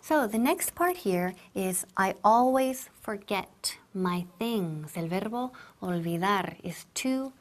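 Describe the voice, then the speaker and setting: A woman teaching English to Spanish speakers, switching between both languages and repeating words slowly so learners can copy them. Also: mid-range voice, lively intonation.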